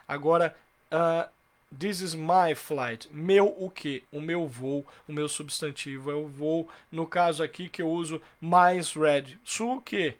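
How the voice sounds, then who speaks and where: Slightly high-voiced male teacher. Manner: explains patiently with many rhetorical questions; repeats example sentences slowly. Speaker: English teacher. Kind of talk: live online grammar class.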